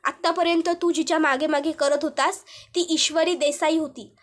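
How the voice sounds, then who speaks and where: A woman's voice: high-pitched, fairly even intonation, moderate pace, close to an everyday voice. A woman doing a stern, protective husband. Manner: stern, threatening.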